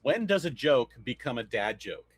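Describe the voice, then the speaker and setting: A man's voice: mid-range voice, big pitch swings, normal speed, slightly rough, no echo. A man co-hosting a casual podcast chat, reading dad jokes aloud and laughing often. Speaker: podcast co-host.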